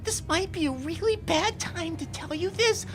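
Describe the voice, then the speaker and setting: Fearful cartoon peanut boy, very high and whiny. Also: moderate pace, very noisy. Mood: timid. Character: timid overprotected male peanut kid. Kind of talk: cartoon voice acting.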